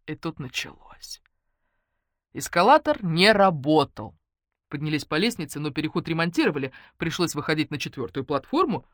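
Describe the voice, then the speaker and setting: Brief: female audiobook narrator, lowish voice, wry and lively, dry close recording. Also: fairly quick, no echo. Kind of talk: first-person novel narration.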